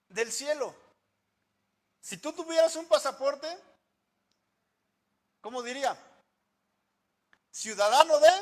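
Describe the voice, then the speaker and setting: A man preaches a sermon in a very high voice. His tone is bright and ringing. He keeps putting questions to the congregation and answers them himself, swinging from loud to soft. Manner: shifts loudness a lot. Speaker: pastor.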